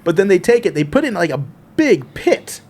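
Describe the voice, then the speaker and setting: A man hosting a casual whiskey review podcast, joking around and explaining things in quick, rambling bursts. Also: sits high, very animated, darkish tone. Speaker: podcast host.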